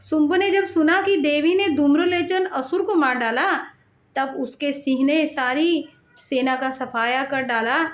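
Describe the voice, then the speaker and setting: A woman's voice: high voice, measured pace, roomy sound. A woman reciting a devotional scripture and explaining it in her own words, with frequent rhetorical asides.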